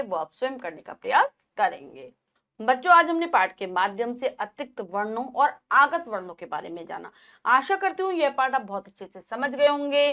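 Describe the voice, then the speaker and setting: A woman teacher giving a Hindi lesson to children, sounding out words syllable by syllable in slow drills. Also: sits high, a bit bright.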